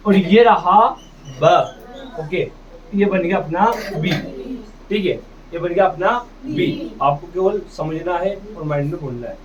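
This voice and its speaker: A man's voice: high voice, expressive, a little slow. A man teaching English reading in a classroom, sounding out words and quizzing his students with his own questions. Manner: drills pronunciation, asks and answers his own questions. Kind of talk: classroom phonics lesson. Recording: distant dull mic with faint noise.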